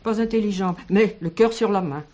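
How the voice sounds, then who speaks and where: In a French radio drama, an actress plays an older village schoolteacher who is kindly and protective, speaking in a measured, expressive way. Her female voice is mid-range and lightly acted, with a protective, insistent mood.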